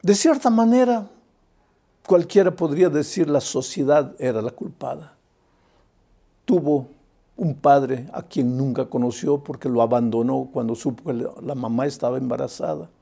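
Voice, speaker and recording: A man preaching an evangelistic sermon, who swings between loud emphatic appeals and hushed storytelling. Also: medium pitch, moderate pace, vocal fry.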